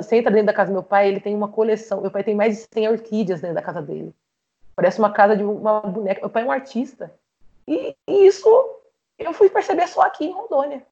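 A Brazilian woman, a podcast guest, telling a personal story in an animated way, acting out remembered conversations with frequent restarts. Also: mid-range voice, gravelly, muffled recording. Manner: animated, acts out remembered dialogue with many restarts.

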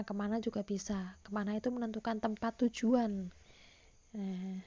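A woman's voice: fairly high pitch, creaky, a little mellow, dull audio. A woman teacher giving a recorded online lesson to primary school children, patiently explaining and reading example questions aloud.

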